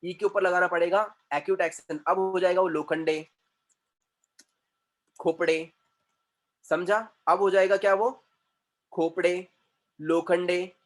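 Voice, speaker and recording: A man's voice: sits high, steady tone, moderate pace, long pauses. A man teaching English pronunciation in a classroom-style lesson, emphatic and repeating words to drill them, switching between Hindi and English.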